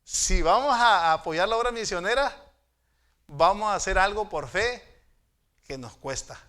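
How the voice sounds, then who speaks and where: A middle-aged man from Mexico preaching a sermon in a church, telling stories and swinging from hushed asides to raised exhortations. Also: sits high, animated, unhurried. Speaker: pastor. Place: church sanctuary.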